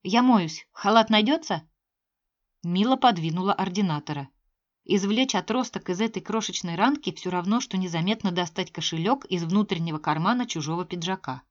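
A woman's voice: fairly low pitch, a little fast. Woman narrating an audiobook. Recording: slightly dull lo-fi sound.

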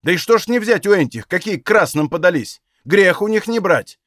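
A man's voice: high voice, lively intonation, brisk, a bit bright, dry recording, clean studio sound, pitched above the performer's own voice. A man voicing a stubborn old Cossack father who scolds in folksy village dialect. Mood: indignant.

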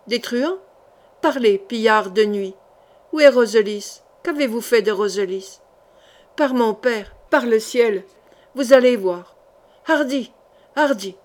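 A woman reading aloud, voicing a furious young male knight in an audiobook. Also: fairly high pitch. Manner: choked with rage, challenging.

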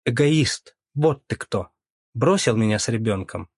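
A man reading a story, voicing an indignant divorced woman who scolds her ex-husband in a raised, shrill voice. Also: lively intonation, moderate pace, darkish tone, dry recording, clean studio sound, lightly acted. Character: sharp-tongued divorced woman, indignant and bossy.

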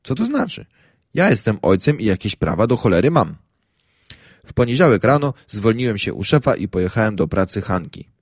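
Brief: young male narrator, deep voice, wry and ironic comic reading, dry close-mic studio sound. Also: big pitch swings, a little fast, slightly rough, no room sound. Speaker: audiobook narrator. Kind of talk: first-person humorous narration.

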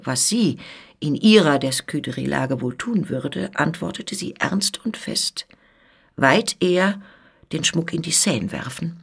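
A woman reads a classic novella aloud for radio. Her voice sits low and has a husky edge. She tells the story in a measured, expressive way. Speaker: reader. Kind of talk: literary radio reading.

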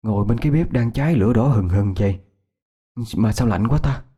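A man's voice: on the low side, animated, brisk, mellow, slightly rough. Man doing village wife, mutters, uneasy. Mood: puzzled. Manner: muttering to herself.

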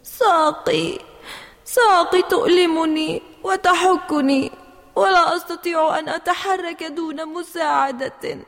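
A woman's voice: measured pace, pauses often, breathy edge, long reverb tail, full character voice. A woman doing a daring little girl. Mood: pained. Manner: high, excited calls. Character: young girl, playful and daring.

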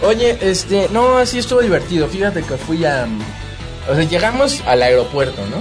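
Music and a crowd can be heard as a man hosts a podcast, speaking at normal speed in an animated, high-sitting voice. His Mexican-accented chat is casual, comic, full of slang and swearing.

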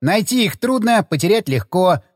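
A man's voice: high-pitched, very animated, normal speed, no echo, studio quality, voice pushed up. A man voicing a brash, crude, wisecracking male stalker in an audiobook. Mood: mocking. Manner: wisecracking, boastful, loud. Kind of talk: audiobook character voice.

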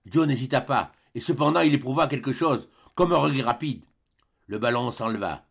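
A man giving scripted audiobook narration in a measured, dramatic storytelling manner. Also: mid-range voice, vocal fry.

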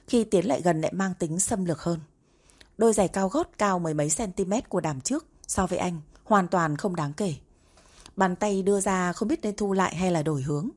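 A woman narrating a romance novel in an even, steady reading voice. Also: fairly low pitch, slightly rough. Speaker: audiobook narrator.

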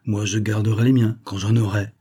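Sullen, defiant young boy from a storybook, read by a man, dark husky voice. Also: fairly low pitch, little pitch movement, a little fast. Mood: sulky. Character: proud, sulky young boy.

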